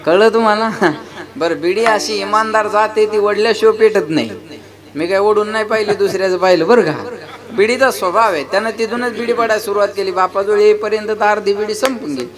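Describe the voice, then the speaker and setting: A man's voice: high voice, fairly even intonation, fairly quick. A man giving a devotional kirtan sermon in a folksy, humorous storytelling way, often calling on the crowd to answer back. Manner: rhetorical, keeps asking the crowd to answer back. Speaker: kirtan preacher. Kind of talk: devotional sermon to a live gathering.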